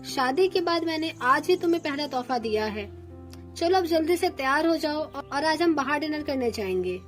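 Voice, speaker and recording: Cartoon crow husband, young and affectionate, woman voicing, high-pitched. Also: expressive, normal speed, soft background music. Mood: fond.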